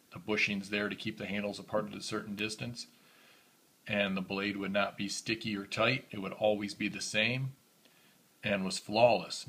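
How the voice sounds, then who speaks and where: Low, bright-toned man reviewing a knife. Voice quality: monotone, self-described. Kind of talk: casual product review vlog. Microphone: phone camera.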